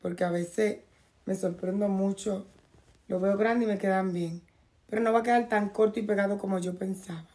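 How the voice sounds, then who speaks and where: A woman going hoarse, chatting casually to her viewers at home while unboxing and showing off clothes from a package. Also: medium pitch, fairly even intonation, normal speed, mellow. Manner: chatty, talks straight to viewers. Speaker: fashion vlogger. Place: at home, in a bathrobe.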